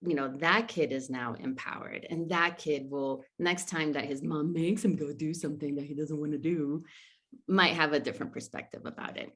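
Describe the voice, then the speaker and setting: A woman's voice: deep voice, steady tone, moderate pace, fairly bright tone. A woman interviewer in a casual interview, encouraging, drawing life lessons from her guest's stories. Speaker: interviewer, club founder.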